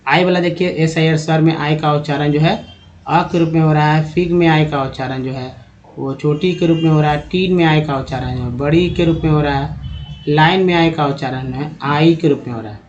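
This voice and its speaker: A man with a fairly high voice, teaching English pronunciation word by word. He spells out each word's letters and repeats the word patiently. The recording sounds dull and lo-fi. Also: steady tone, brisk. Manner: addresses viewers as friends. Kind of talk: spoken English lesson.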